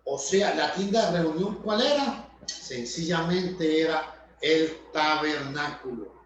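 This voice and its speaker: Male preacher, high lively delivery, heavy room echo, faint background hum. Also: slow. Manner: emphatic, addresses listeners as brothers and friends. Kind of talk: sermon. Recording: very echoey room, voice from far off.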